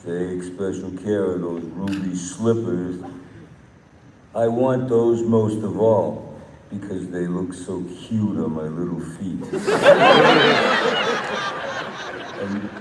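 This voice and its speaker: A man voicing a bossy, campy female witch who gives slow commands with cheeky asides. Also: low-pitched, huge pitch swings, voice pushed down, exaggerated voice. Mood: commanding. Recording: echoey hall from far off, noisy.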